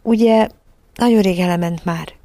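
A woman's voice: fairly low pitch, dark tone, dry recording, close to an everyday voice. A woman voicing a timid small boy who speaks anxiously and pleadingly in a storybook reading.

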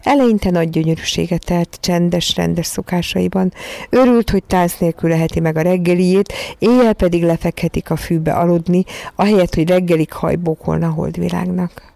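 A woman reading a children's storybook aloud in a calm, measured way. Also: fairly low pitch, vocal fry, no room sound. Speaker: narrator.

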